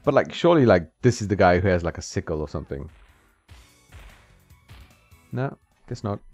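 With a deep, darkish voice and lively intonation, a gaming streamer in his thirties offers joking let's-play commentary at a moderate pace, laughing a lot and addressing the screen at home. The sound is dry and a little dull, with game music underneath.

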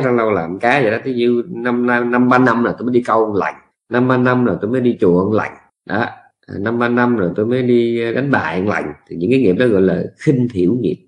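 A man with a Southern Vietnamese accent giving a Buddhist dharma talk as a monk, speaking in a folksy way with lots of repetition and drawn-out phrases. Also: lowish voice.

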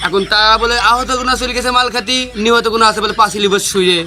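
A man's voice: high voice, quick pace, sharp tone, slight background noise. A man with a western Bangladeshi accent from the Chuadanga area playing a mock-serious, repetitive parody news anchor. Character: parody village TV news anchor, absurdly solemn.

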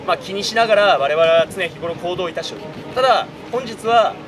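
A man's voice: high-pitched, brisk, recorded from a distance, over music. A man bantering casually in old-fashioned, emphatic Japanese warlord speech, as a costumed performer outdoors. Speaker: costumed samurai performer, host. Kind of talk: casual banter in archaic samurai-lord Japanese. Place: outdoors in a park under a large tree. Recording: noisy outdoor park, crowd and ambience.

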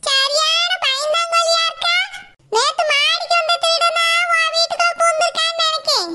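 A woman voicing a bold, bossy fish-seller neighbour with a Kanyakumari Tamil accent who brags and scolds in a drawn-out way. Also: very high-pitched, level tone, sharp tone, pitched above the performer's own voice, exaggerated voice. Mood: boastful.

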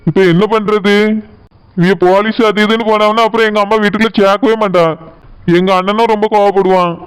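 A man's voice: high voice, level tone, fairly quick, clean tone, close to an everyday voice, low-quality recording. A man doing a soothing young village man. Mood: placating. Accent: Tirunelveli Tamil. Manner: soothing, placating. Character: mild young village man, the peacemaking brother-in-law. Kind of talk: cartoon voice acting.

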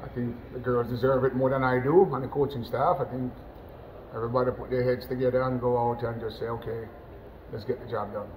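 A middle-aged man from Jamaica, a national team football coach, talking in a relaxed post-match interview over a webcam, full of "you know" fillers and restarts. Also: medium pitch, brisk, a little hiss or hum, poor audio. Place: indoors, in front of a sponsor backdrop.

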